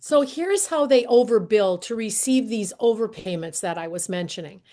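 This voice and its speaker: A woman in her sixties giving an earnest presentation talk, hoarse and losing her voice, and often clearing her throat. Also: on the high side, animated, moderate pace, warm tone. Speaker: guest speaker, healthcare advocate.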